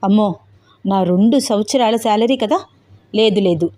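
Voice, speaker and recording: A woman voicing a calm, fearless young man who taunts his attackers in a cool, mocking way. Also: mid-range voice, normal speed, lightly acted. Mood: coolly mocking.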